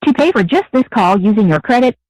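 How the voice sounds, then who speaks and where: An automated collect-call prompt on a jail payphone call, reading out fees and phone numbers in a measured, formal way. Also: mid-range voice, very animated, darkish tone, no room sound, rough recording. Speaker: recorded collect-call announcement. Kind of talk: formal scripted announcement.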